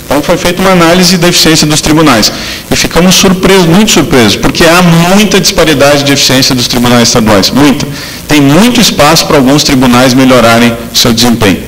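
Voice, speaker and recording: A man's voice: on the high side, quick pace, a bit bright, a little hiss or hum. Man lecturing in an echoey hall. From southern Brazil. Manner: hesitant, many fillers and restarts. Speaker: law professor giving a lecture. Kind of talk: academic lecture.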